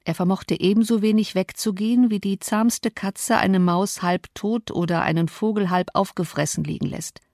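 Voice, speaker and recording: A woman narrating an audiobook in a measured, expressive way, recorded close to the mic. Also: medium pitch, no room sound. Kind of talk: scripted narration.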